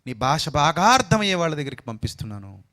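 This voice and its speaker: A male pastor delivers an emotional sermon. His voice sits a little high for a man. He builds his points through repeated phrases, shifting between hushed, soft stretches and loud, raised ones. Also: very animated, fast. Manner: emotional preaching with repeated phrases and swings in loudness.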